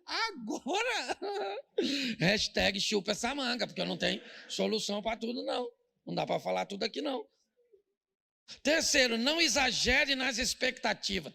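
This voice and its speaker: A man's voice: high voice, vocal fry, pushed and bright. A middle-aged man with a Brazilian Portuguese accent, a pastor preaching a humorous sermon, joking and telling stories as he acts out the voices of the people in them.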